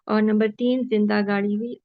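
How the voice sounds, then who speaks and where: Gravelly woman reading quiz questions, lo-fi. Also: medium pitch, level tone, no room sound. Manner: hesitant, with fillers. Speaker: quiz reviewer.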